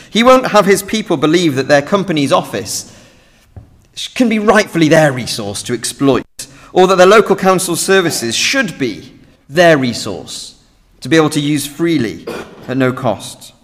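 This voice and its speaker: A young British man delivers a sermon from a lectern, earnest and emphatic. His voice sits fairly high for a man and moves freely up and down, with a long reverb trailing each phrase through the hall. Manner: earnest, emphatic, expressive preaching. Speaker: preacher. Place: large church hall with audience. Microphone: standing at a lectern, lectern mic.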